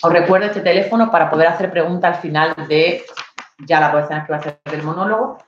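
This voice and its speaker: Woman, nervous storyteller, lively monologue, distant dull lo-fi mic. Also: on the low side, quick pace, very echoey, a little hiss or hum. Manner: lively, acts out scenes, addresses the audience with "¿vale?". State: nervous, coughing. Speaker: speaker at an online talk. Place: home patio.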